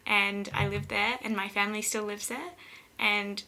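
A woman's voice: medium pitch, level tone, normal speed, sharp tone. A young Australian woman at college, telling her story in a casual interview, rambling and laughing often. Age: young adult.

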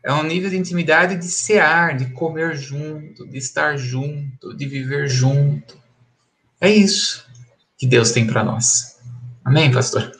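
A man, a pastor, leading a live-streamed Bible study. His voice sits fairly high with a heavy gravelly fry. He preaches emphatically, repeating phrases and chuckling between points. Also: measured pace, a bit bright.

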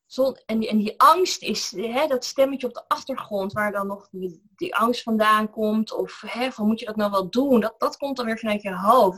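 A woman in her thirties with a slightly husky voice speaks over a video call as an interview guest. A yoga teacher, she talks reflectively and hesitantly, restarting phrases and filling pauses as she searches for the right words. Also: on the high side, fairly bright tone. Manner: hesitant, many fillers and restarts. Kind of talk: reflective conversation.

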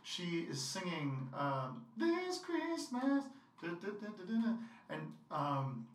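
A woman guest in a casual interview, playful and laughing, who acts out quotes loudly. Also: on the low side, very animated, takes it slowly. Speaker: guest performer. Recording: echoey room from far off.

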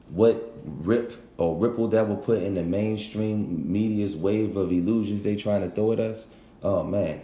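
Brief: man, very low mellow voice, a bit under the weather with a cold, casual talk to followers, roomy echo. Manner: conversational, often restarts and corrects himself, asks "you understand?". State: has a cold, speaking low. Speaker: social commentator addressing followers. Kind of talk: casual spoken monologue.

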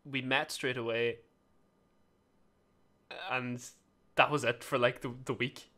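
A young man, talking in a casual chat, halting and excitable. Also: medium pitch. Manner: halting, restarts a lot, excitable.

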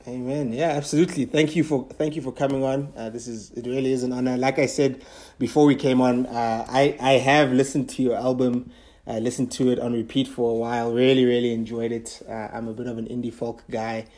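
A man hosting a podcast, asking questions in a relaxed, halting way with frequent "uh". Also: mid-range voice. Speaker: podcast host. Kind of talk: casual interview.

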